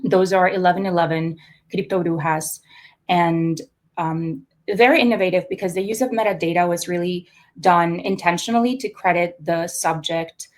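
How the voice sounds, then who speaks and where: A young adult woman from Costa Rica, an artist guest in an interview, speaking thoughtfully with many pauses and fillers. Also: lowish voice. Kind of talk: conversational interview.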